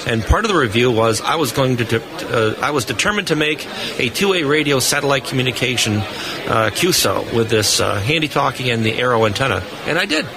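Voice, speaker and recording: A man with an animated, medium-pitched voice talks a little fast as the amateur radio expert guest on a live radio interview. He explains technical matters in detail and tells stories. The setting is a crowded convention hall booth, noisy with chatter.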